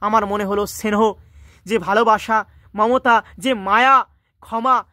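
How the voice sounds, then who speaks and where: Male teacher with a high, bright voice, reading and explaining a story line by line, dry close recording. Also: steady tone, unhurried, no room sound. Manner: stops often to explain words and restate lines.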